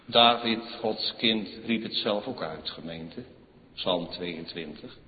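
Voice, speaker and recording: A man preaching a sermon as pastor, swinging between hushed words and loud fervent calls. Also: fairly low pitch, takes it slowly, in a large hall, narrow, tinny audio.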